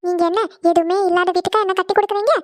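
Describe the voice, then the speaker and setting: A woman voicing a spoiled young bride from a rich family in a cartoon, talking quick and pouty. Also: extremely high pitch, steady tone, dry recording, studio quality. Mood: reassuring. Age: young adult. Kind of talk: cartoon voice acting.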